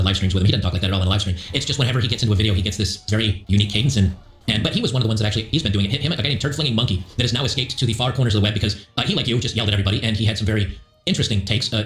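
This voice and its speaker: A man hosting a casual stream talk, delivering a rambling opinionated rant full of acted-out quotes. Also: lowish voice. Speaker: show host. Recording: roomy echo.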